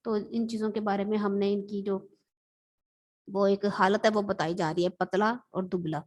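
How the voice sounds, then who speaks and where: A woman teacher from Pakistan, giving a patient, explanatory vocabulary lesson and repeating words slowly. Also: medium pitch, fairly even intonation, darkish tone.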